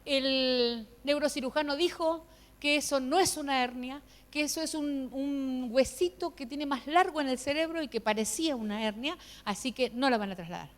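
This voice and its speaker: A high-pitched woman pastor tells her story from the pulpit, her voice swinging between loud outbursts and hushed moments. Her preaching is emotional and animated, and a long reverb hangs behind every phrase in the large church hall. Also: normal speed. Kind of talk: sermon testimony. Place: church sanctuary.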